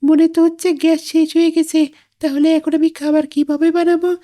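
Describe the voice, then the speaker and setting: A woman's voice: sits high, level tone, fast, warm tone, lightly acted. A woman voicing an anxious, scolding mother in a cartoon. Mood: worried. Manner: scolding, worried. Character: anxious mother and wife, fretful.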